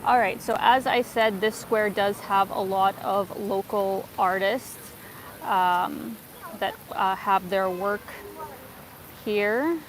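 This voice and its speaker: A North American woman runs a casual travel livestream, holding her phone as she strolls through a city square and park, chatting with viewers amid fillers and soft laughs. Her voice is mid-range and unhurried, and the low-quality recording has a bit of hiss or hum.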